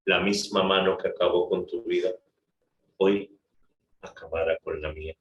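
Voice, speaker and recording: A man voicing a tormented young man who laments in a soft, hushed voice. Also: low voice, fairly even intonation, moderate pace, highs cut off, natural voice. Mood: lamenting. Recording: roomy, distant mic.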